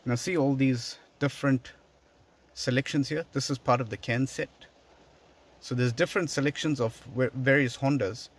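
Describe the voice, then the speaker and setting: A man hosts a how-to video from inside a parked car, walking through the steps in a casual, conversational style. He speaks at a moderate pace in a medium-pitched voice with fairly even intonation and a breathy edge.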